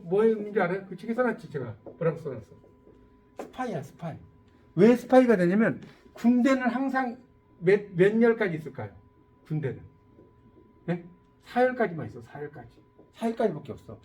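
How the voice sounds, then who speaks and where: A middle-aged man teaching vocabulary in a classroom-style lecture. His voice sits high and swings widely in pitch as he poses rhetorical questions. He repeats key words for emphasis. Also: a little mellow. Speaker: English teacher.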